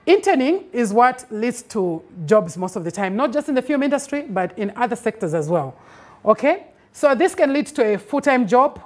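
A Zambian woman in her forties leads a master class in a bright indoor studio. Her voice sits a little high. She talks with emphasis and keeps pausing to check that her listeners follow. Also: sing-song. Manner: emphatic, checks in with a frequent "okay?". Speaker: film industry master class speaker. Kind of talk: instructive talk to an audience.

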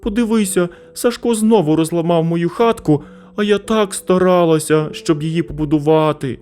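Brief: a high, hurt little girl as a man acts her out in a storybook. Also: normal speed, darkish tone, faint music behind, natural voice. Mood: complaining. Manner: complaining, childish. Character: small girl of seven, hurt and petulant. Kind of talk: storybook narration.

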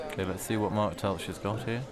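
A man giving calm, analytical commentary on live poker. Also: on the low side, fairly quick. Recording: crowd noise in the venue. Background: crowd noise.

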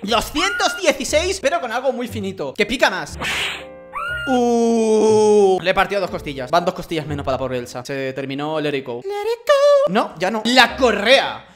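A gaming YouTuber with a Spain Spanish accent gives comedic let's-play commentary, jumping between loud shouts and low muttering. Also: moderate pace, soft background music. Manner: animated, jokey, swings between shouts and mutters.

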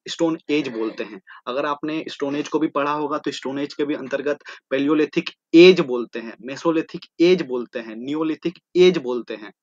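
Male tutor, exam-prep lecture, asks and answers himself, slightly high-pitched, dull lo-fi recording. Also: normal speed, few pauses, darkish tone, dry recording. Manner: repetitive, drilling terms, asking and answering his own questions. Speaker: teacher. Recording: dull lo-fi sound.

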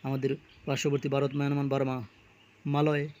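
A man's voice: medium pitch, monotone, fairly quick, a little mellow. A man teaching an exam-prep lesson, reading lists of words aloud with small self-corrections. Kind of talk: reading and explaining a word list for exam study.

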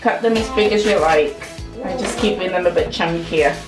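A woman's voice: fairly low pitch, normal speed, music in the background. A young woman chatting through a recipe as she cooks in her home kitchen, hesitant and casual with plenty of ums. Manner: chatty, hesitant with many ums, talks while cooking. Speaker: cooking vlogger. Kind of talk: casual cooking walkthrough. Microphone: camera mic in the kitchen.

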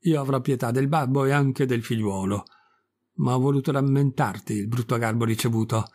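A man reading the part of a wise talking cricket in an audiobook, with a calm, lecturing tone. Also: medium pitch, brisk, natural voice. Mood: reproachful.

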